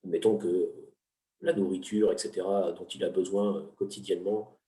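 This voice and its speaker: His voice is low, level and mellow, at a normal speed. As an economics teacher in an interview, he lays out ideas in a patient, teacherly way, frequently stalling and restarting, captured in a roomy, distant recording.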